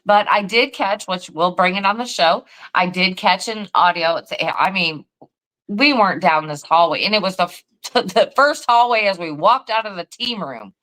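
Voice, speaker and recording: A woman's voice: mid-range voice, normal speed, pushed and bright, rough recording. A tired woman co-hosting a paranormal podcast, telling a rambling story full of fillers and restarts. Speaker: podcast co-host and paranormal investigator. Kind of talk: casual chat.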